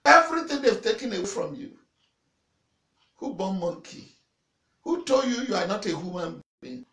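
A middle-aged man preaching to camera, repeating phrases and breaking into loud shouts. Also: sits high, big pitch swings, normal speed. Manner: forceful preaching with repetition and sudden loud shouts; waves arms and gestures while preaching. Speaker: pastor. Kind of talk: sermon to camera. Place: small indoor church room in front of a banner. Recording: echoey room.

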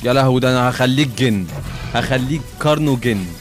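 A man with an Egyptian Arabic accent giving excitable gaming commentary, swearing and dropping in English phrases. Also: mid-range voice, fast talker, over loud music. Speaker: gamer.

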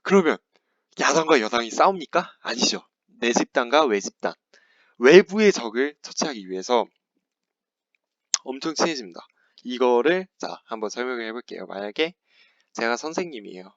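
A young man giving a class presentation, lively and playful, acting out little scenes with a teacher and students. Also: mid-range voice, moderate pace, no echo. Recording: dry, dull lo-fi sound.

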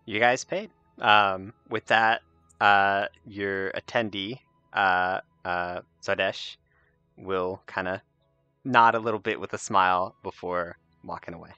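A man's voice: sits low, steady tone, takes it slowly, sharp tone, clean tone, no room sound, highs cut off, faint music behind. A man working as game master, improvising tabletop game narration in an informal, hesitant way.

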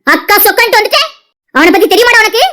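A woman with a Tirunelveli Tamil accent voicing a defiant young wife in a cartoon, who quarrels in a taunting, shrill way. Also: expressive, very fast, bright, forceful tone, full character voice. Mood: quarrelsome. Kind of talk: cartoon dialogue acting.

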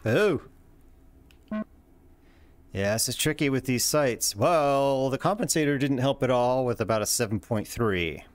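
Casual gameplay host, jokey and exclaiming, highly animated intonation. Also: unhurried, long pauses. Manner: playful, exclaiming, swearing at slips. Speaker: host of a video game weapon showcase.

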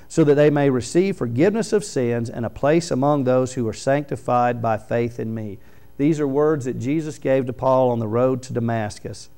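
A middle-aged pastor preaching a sermon in a small church, swinging from loud emphatic lines to quiet low ones. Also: male voice. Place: small church hall, indoors. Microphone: podium microphone.

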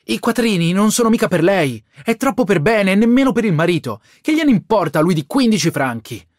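A man's voice: high-pitched, very animated, brisk, no echo, studio quality, voice pushed up. Man doing a tearful, theatrical teenage boy. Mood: pleading. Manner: pleading, tearful, theatrical outbursts. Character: impulsive seventeen-year-old boy, emotional schemer.

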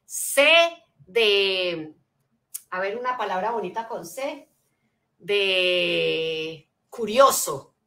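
A woman's voice: mid-range voice, slow. A woman giving a motivational seminar talk, teaching her points like a lesson and checking in with listeners with rhetorical questions. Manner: energetic teacher, frequent rhetorical check-ins; spells out acronyms, asks listeners to take notes. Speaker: motivational speaker.

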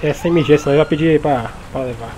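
A man's voice: on the high side, quick pace, darkish tone, a little hiss or hum. A Brazilian man chatting casually and slangily while playing an online roleplay game, swearing now and then. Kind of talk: casual gamer chat.

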